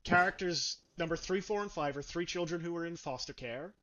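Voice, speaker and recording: A man reviewing a film in casual chat, ranting with sarcastic, animated delivery. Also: on the high side, brisk, highs cut off.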